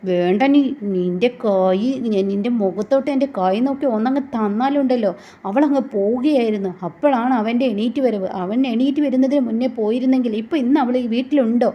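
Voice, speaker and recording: A woman voicing a bitter middle-aged mother who scolds harshly and slowly, in a dull lo-fi recording. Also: fairly high pitch, close to an everyday voice. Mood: spiteful.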